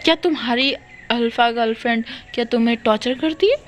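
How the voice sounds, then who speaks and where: A woman's voice: a little high, brisk, lightly acted. A woman voicing a bewildered young man who suddenly hears other people's thoughts and struggles to explain. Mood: insistent.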